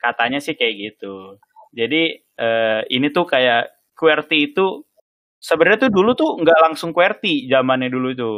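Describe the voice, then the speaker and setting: A man's voice: medium pitch, lively intonation, moderate pace, pauses often, dry recording, lo-fi sound. A young man hosting a casual chat, joking and slipping into mock-formal asides. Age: young adult. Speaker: host.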